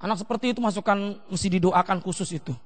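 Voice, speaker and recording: A man pastor preaching a seminar sermon in a lively way, acting out children and parents in quick little voices. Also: high-pitched, in a large hall.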